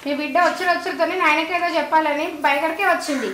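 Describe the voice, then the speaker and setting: A woman playing a defensive, quarrelsome village mother, speaking with a Telangana Telugu accent in a sharp, complaining way. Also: high-pitched, quick pace, natural voice. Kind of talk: village family drama acting. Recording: echoey room with background music.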